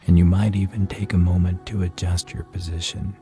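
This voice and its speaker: Soft music plays faintly beneath a man guiding a meditation in a very low, dark, relaxed voice. He speaks soothingly and evenly, unhurried, leaving long pauses between phrases.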